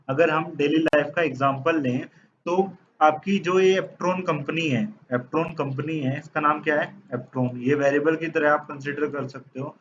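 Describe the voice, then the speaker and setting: A man's voice: a little high, a bit bright, slight background noise. Man teaching code, dull lo-fi sound. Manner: repeats questions and answers them himself, mixing Hindi and English. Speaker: programming teacher. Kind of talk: classroom lecture.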